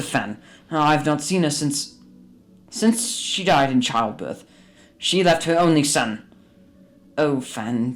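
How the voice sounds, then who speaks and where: A performer in a radio drama playing Ebenezer Scrooge, an old miser full of regret, with an emotional, pleading delivery. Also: mid-range voice. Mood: remorseful.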